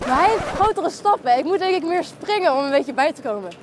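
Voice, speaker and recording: A woman's voice: high-pitched, expressive, quick pace. A woman in her twenties with a Netherlands Dutch accent, chattily thinking aloud as a contestant in a casual game vlog. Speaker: challenge contestant. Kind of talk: casual running commentary on a hiding game. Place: outdoors around an airport. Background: music.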